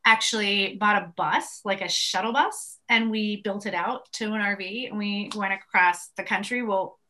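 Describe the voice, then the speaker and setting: Bright, earnest woman from New York. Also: medium pitch. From New York City. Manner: earnest, talks quickly with many fillers. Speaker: guest, mother and activist. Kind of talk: casual interview chat. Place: at home.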